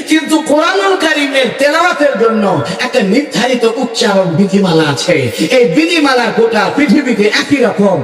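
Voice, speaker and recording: A man, an Islamic scholar, preaching emphatically at a conference, building up lists and rising to loud declarations. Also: extremely high pitch. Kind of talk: Bengali religious speech to a crowd. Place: large hall or outdoor stage with PA. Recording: echoey hall, voice from a distance.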